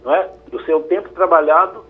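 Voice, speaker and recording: Husky guy explaining, phone-line sound. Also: fairly high pitch, steady tone. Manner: measured, explanatory, with hesitations. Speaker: lawyer answering listener questions. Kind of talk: radio call-in advice.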